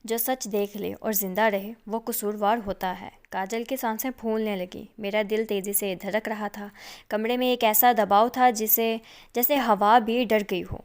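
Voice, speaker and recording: A woman reading a suspense story aloud in a measured, dramatic way. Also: mid-range voice, fairly even intonation, clean tone. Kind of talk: scripted suspense narration.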